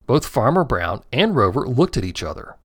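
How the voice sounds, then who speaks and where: A man narrating a children's story in a gentle, expressive storytelling manner. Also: mid-range voice, normal speed, slightly rough, no echo, studio quality.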